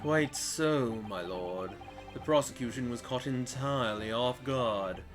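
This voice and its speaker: A man doing a slow, sardonic aristocratic prosecutor. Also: mid-range voice, over music, close to an everyday voice. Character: cold aristocratic male prosecutor.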